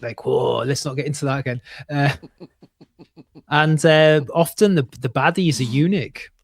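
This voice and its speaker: A man's voice: on the high side, unhurried, creaky. A man co-hosting a podcast, speaking in rambling, wry asides, often stopping and restarting mid-sentence. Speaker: podcast co-host. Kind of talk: casual conversation.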